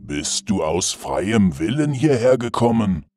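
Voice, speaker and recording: An actor playing a gentle, sorrowful beast in a German fairy tale, speaking softly and solemnly. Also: male voice, on the low side, big pitch swings, no room sound, clean studio sound, faint music behind, exaggerated voice. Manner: slow, soft-spoken, solemn.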